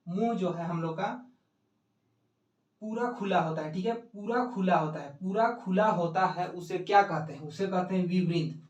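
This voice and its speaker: High-voiced male teacher in an echoey room. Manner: explains step by step, asks and answers his own questions, repeats "ठीक है". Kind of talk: exam-prep lesson. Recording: echoey room, mic at a distance.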